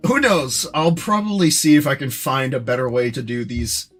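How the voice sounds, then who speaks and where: A young man streaming live, rambling casually to his chat with lots of fillers and restarts, in what he calls a monotone voice. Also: medium pitch, moderate pace, faint music behind. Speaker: streamer and animator.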